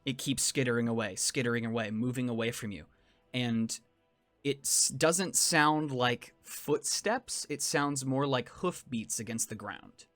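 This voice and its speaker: A man with a medium-pitched voice runs a tabletop fantasy game. He tells the scene in measured, descriptive second person. The recording is dry, with faint music behind him. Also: a bit bright, no room sound. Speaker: game master.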